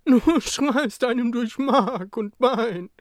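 A storyteller voicing an old female work horse in a raised, drawn-out, cheerful voice. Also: medium pitch, no room sound, studio quality, voice pushed up, natural voice. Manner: slow, drawn-out, upbeat coaxing. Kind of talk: storybook reading.

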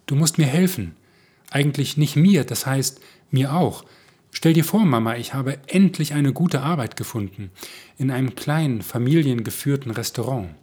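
A man's voice: medium pitch, darkish tone, husky. A man reading the part of a grown daughter who urgently pleads with her mother. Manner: urgent, persuasive.

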